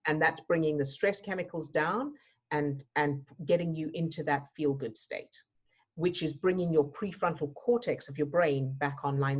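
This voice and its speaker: A woman's voice: deep voice, a little mellow, husky. A woman from South Africa, a mindset coach, answering questions in a workshop and explaining with repeated words as she thinks. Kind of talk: teaching a workshop Q&A. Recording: dull lo-fi audio.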